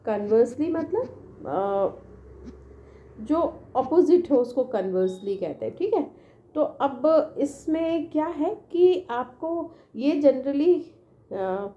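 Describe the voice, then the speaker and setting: A woman's voice: sits high, dark tone, roomy sound. A woman teaching English vocabulary in a patient, repetitive way, speaking with an Indian English accent and checking in with tag questions after each point. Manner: slow, patient, repeats each word and its spelling; ends phrases with tag questions. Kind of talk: vocabulary lesson in Hindi mixed with English.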